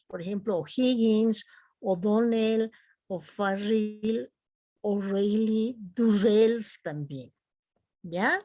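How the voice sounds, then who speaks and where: A woman from Bolivia with a Bolivian Spanish accent, teaching punctuation in a recorded video class, explaining slowly with many "¿no?" tags and fillers. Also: medium pitch, a little mellow, no echo.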